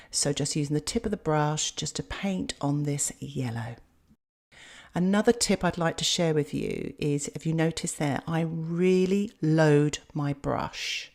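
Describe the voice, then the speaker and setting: A woman talks through a painting lesson in a calm, step-by-step way. Her voice sits fairly low for a woman. The delivery is steady, gentle and instructive. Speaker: watercolour art teacher. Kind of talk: narrated painting tutorial.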